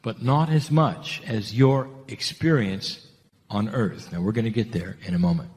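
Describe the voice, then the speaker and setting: A man's voice: lowish voice, unhurried, darkish tone, in a large hall, slight background noise. A man giving a channeled spiritual talk, emphatic, asking rhetorical questions and repeating key phrases.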